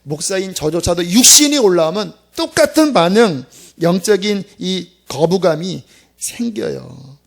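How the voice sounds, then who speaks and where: Animated, high-voiced Korean pastor preaching. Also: male voice, creaky. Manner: animated, conversational preaching with quick swings from loud to hushed. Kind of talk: sermon. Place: church sanctuary.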